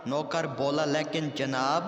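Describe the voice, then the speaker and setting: A man reading a string of short jokes aloud in an unhurried, sing-song way. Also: fairly high pitch, fairly even intonation, fairly bright tone. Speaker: joke narrator. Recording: echoey room with long reverb.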